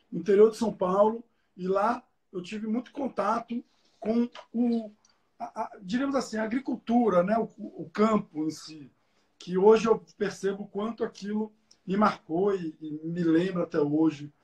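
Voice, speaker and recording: A young man speaks in a high, light voice. He talks casually as an interview guest, rambling a little, with plenty of fillers and repeated words. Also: a little mellow. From Rio de Janeiro, Brazil. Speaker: guest, environmental engineer.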